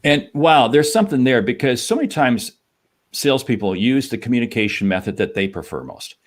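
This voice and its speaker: A man's voice: medium pitch, a little fast. A man co-hosting a sales podcast, talking in an emphatic, punchy way. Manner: emphatic, punchy, animated delivery. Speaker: podcast co-host. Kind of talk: energetic sales podcast talk.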